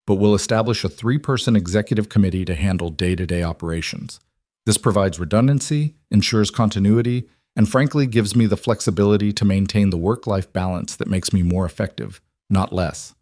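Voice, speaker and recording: A man's voice: lowish voice, steady tone, fairly quick, mellow, dry recording, clean studio sound, close to an everyday voice. A man voicing a composed female CEO and young mother in a storybook narration, firm and persuasive.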